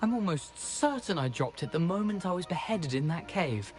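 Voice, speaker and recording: An actor voicing the ghost of a beheaded, mischievous gentleman in a video game, with a genteel, chatty and wry manner. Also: high voice, expressive, normal speed, faint music behind.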